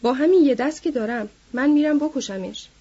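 A woman voicing a hot-headed, vengeful young man who issues angry threats, in a husky voice. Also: sits high. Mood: furious. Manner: shouting, furious threats. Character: hot-headed young male ranch boss's son, vengeful. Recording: dull lo-fi recording.

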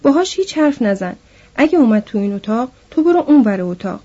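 A woman's voice: fairly high pitch, big pitch swings, warm tone, slightly rough. A woman voicing a stern, protective man warning his companion, in a dull lo-fi recording. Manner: stern, firm.

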